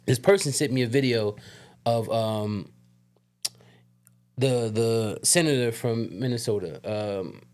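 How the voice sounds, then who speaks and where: A man's voice: mid-range voice, takes it slowly, pauses often, a little mellow. A man co-hosting a podcast, ranting emphatically with profanity and a slight lisp. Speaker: podcast co-host. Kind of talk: casual heated podcast chat.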